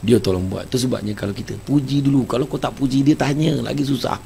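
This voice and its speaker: Male Malaysian preacher, comic sermon, rough gravelly voice. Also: mid-range voice, fast talker, a little hiss or hum. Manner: joking, animated storytelling. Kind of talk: humorous sermon.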